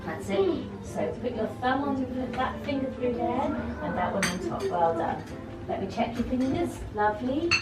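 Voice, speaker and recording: A woman teaching etiquette to a young group, prim, polite and gently encouraging. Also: fairly high pitch, moderate pace. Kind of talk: instructional talk to a young group. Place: echoey indoor tea room with clinking china. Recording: echoey room, distant mic, loud music, clinking dishes.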